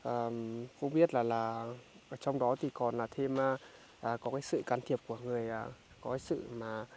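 A man doing a casual on-location interview in a rural village, speaking haltingly with many filler sounds. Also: medium pitch, steady tone, darkish tone, a little hiss or hum. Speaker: vlogger visiting a poor family.

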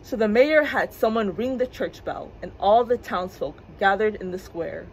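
Expressive woman reading a storybook. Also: mid-range voice, normal speed, slight background noise, poor audio. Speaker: librarian storyteller. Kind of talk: children's story time reading. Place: public library.

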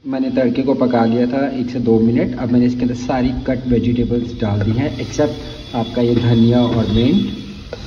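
Hurried man in an echoey kitchen. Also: mid-range voice, fairly even intonation, background noise. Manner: chatty and hurried, apologizes for rushing. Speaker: vlogger. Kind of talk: casual cooking vlog. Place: home kitchen. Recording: roomy, slightly dull home recording.

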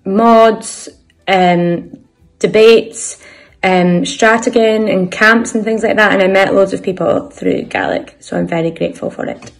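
Young Scottish woman, mid-pitched voice. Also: a little slow, creaky, rough recording. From Aberdeen, Scotland. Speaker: primary school teacher. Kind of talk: informal talk to camera. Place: home kitchen.

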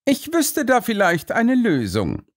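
Ein Mann spricht einen selbstsicheren Meisterdetektiv. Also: male voice, extremely high pitch, huge pitch swings, slow pace, voice pushed up, exaggerated voice.

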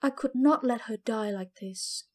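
Female audiobook narrator, higher-pitched, grave and steady. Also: unhurried. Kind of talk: first-person audiobook narration.

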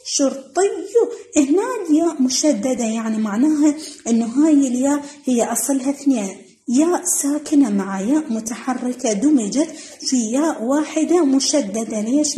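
A woman with an Iraqi Arabic accent, teaching a recorded phonics lesson to young children, drilling syllables slowly in a sing-song way and stretching the sounds. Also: high voice, warm tone. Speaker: primary school teacher.

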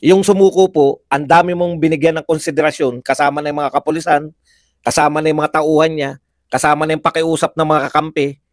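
A man's voice: fairly high pitch, steady tone, brisk, dry recording, studio quality. A man hosting a live political commentary show, chatty, laughing often and firing rhetorical questions at viewers.

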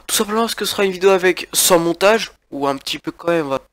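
A man's voice: high voice, fast, fairly bright tone, no echo, clean studio sound. A teenage male with a French accent and a congested, blocked nose, chatting casually and rambling to camera like a YouTube host. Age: teenager, about 14. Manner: informal, rambling, gesturing. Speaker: YouTube gaming channel host. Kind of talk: casual vlog chat to camera. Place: small attic bedroom.

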